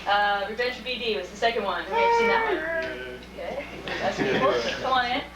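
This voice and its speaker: A woman's voice: fairly high pitch, sing-song, fairly quick. A woman chatting informally to a convention audience as she presents her fan videos, recorded on old VHS camcorder tape. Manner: chatty, informal, addresses the crowd directly. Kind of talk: casual panel talk to an audience. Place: convention screening room with audience. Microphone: camcorder mic from across the room. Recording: echoey hall, distant camcorder mic, tape hiss.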